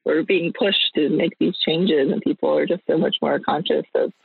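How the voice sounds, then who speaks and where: Thinking out loud with some hesitation, a young adult woman chats casually as a guest in an interview, where she's introduced as a small business owner. Her low voice is gravelly and husky, paced moderately. There's no echo, but the line is thin and phone-like.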